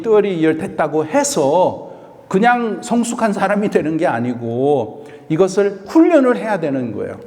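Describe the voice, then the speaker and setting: Male pastor preaching, a fairly high voice and long hall reverb; he asks rhetorical questions and slips into English. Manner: switches between Korean and English phrases; acts out prayers in a soft voice. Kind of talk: sermon. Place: church sanctuary.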